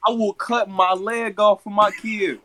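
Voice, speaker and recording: A man's voice: high voice, steady tone, measured pace, a crowd in the background. A young man in casual podcast banter, talking like a defensive frat bro, slangy and profane.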